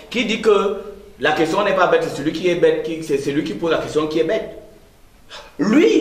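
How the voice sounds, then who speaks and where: A man, giving an interview in an emphatic, rhetorical way. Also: fairly bright tone. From Cameroon. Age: 30s. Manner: emphatic, rhetorical, sweeping pitch swings. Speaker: company director, interview guest. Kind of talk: interview talk. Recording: echoey room with faint noise.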